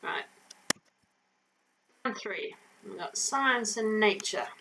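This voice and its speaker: A woman's voice: medium pitch, slow, gravelly, background noise. A woman co-hosting a casual home quiz, making brief remarks and reading questions.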